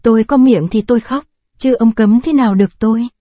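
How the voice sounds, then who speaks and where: A woman's voice: fairly high pitch, fairly quick, mellow, no room sound, close to an everyday voice. A woman voicing a poor grieving peasant widow who laments in a storybook reading. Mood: defiant. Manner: wailing lament.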